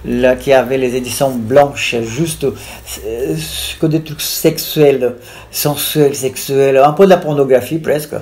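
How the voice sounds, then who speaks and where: A woman's voice: extremely low pitch, steady tone, slow pace, warm tone. Woman, sixties, from Brazil. Author guest, rambling and list-heavy. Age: 60s. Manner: digressive, piles up lists and restarts. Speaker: author being interviewed. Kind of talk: conversational interview.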